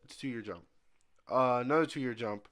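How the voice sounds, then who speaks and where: A man's voice: mid-range voice, moderate pace, fairly bright tone. A young man co-hosting an unscripted podcast, chatting casually and reading off release years in a laid-back way. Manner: laid-back, reads out lists of dates. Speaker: podcast co-host.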